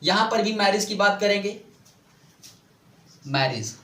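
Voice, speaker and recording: A man teaching English vocabulary in Hindi mixed with English, explaining slowly, repeating words and asking his students questions. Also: high-pitched, animated, a bit bright, echoey room.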